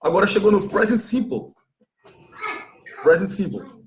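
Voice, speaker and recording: A Brazilian man with a notably high-pitched voice leads a live English lesson. He explains patiently and drags out words slowly so that listeners can copy the pronunciation. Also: lively intonation. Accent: Brazilian Portuguese. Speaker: English teacher. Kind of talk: live online class recap.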